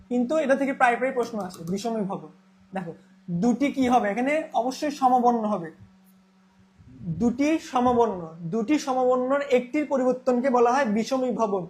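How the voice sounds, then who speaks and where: A man's voice: very high voice, a little mellow. A young man teaching a Bangla grammar class, repeating key terms and asking then answering his own questions.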